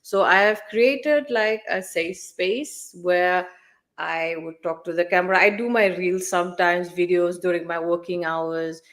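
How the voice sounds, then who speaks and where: A woman in her forties from Fiji, a guest in a live interview, speaking in a measured, reflective way. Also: on the low side, steady tone. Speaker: guest, finance mentor.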